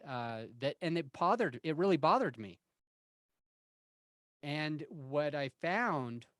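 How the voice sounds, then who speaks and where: A man's voice: on the high side, a bit bright, no room sound. A man of forty-one telling candid, self-deprecating stories in a casual interview, rambling and restarting his sentences. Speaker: interview guest.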